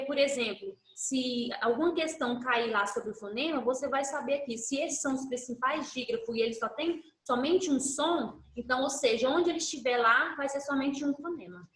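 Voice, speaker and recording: A woman co-teaching a primary class, chiming in with brief reminders for the pupils. Her fairly high voice carries an echo from the room at school. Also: fairly bright tone. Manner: adds short reminders to a colleague's lesson. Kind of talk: recorded class review lesson.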